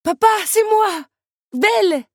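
A woman's voice: fairly even intonation, normal speed, mellow, slightly rough, no room sound, clean studio sound. A woman voicing an anxious, loving young daughter, who calls out with emotion in a raised voice. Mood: pleading cry. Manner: high, emotional, calling out.

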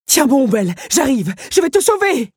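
A woman's voice: medium pitch, sing-song, moderate pace, mellow, husky, no room sound, studio quality, pitched above the performer's own voice. A woman voicing a brave, clattering automaton. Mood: urgent. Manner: earnest, pleading. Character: clumsy, loyal male automaton, brave and earnest.

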